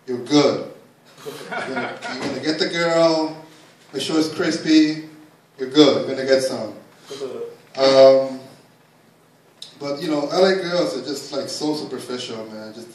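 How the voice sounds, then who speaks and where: A man from New York rambles through a crude stand-up set, padding every thought with fillers. His voice sits in the middle range and comes from a distance in a very echoey theatre. A faint murmur of room noise runs underneath. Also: mid-range voice. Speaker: stand-up comedian. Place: comedy theatre stage.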